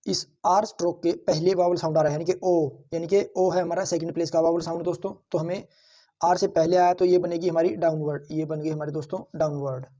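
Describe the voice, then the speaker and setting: A man's voice: on the high side, flat delivery, quick pace, dark tone. Patient man teaching step by step. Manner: patient, repetitive, keeps calling viewers "friends". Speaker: shorthand teacher. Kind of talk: classroom-style tutorial explanation.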